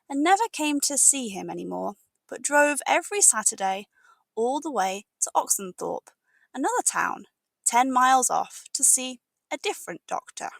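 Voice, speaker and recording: A British English teacher reads a storybook aloud to learners, narrating expressively and deliberately. Her voice is medium-pitched and gravelly, with no room sound.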